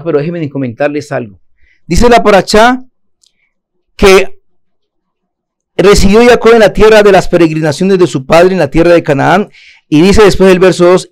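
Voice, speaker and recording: High-voiced man teaching Torah. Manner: asks the audience questions and answers them himself. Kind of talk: Torah lesson to a congregation.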